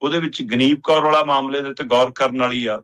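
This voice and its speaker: Emphatic bright-voiced man. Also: medium pitch, fairly even intonation, quick pace. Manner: emphatic, rising to pointed questions. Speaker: political analyst. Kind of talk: political talk show discussion.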